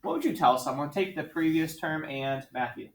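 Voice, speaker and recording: A man teaching a math class, walking students through problems with brisk, coaxing questions. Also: on the high side, expressive.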